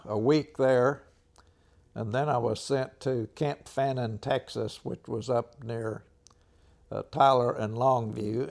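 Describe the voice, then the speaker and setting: Medium in pitch with a darkish tone, this old American man in his nineties halts his way through war memories in an interview, frequently stopping to clear his throat.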